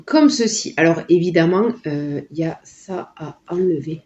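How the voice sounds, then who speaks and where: A woman's voice: low voice, expressive, moderate pace, darkish tone, dull audio. A woman chatting casually and delightedly through a sponsored unboxing, full of little filler words. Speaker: vlogger unboxing a product.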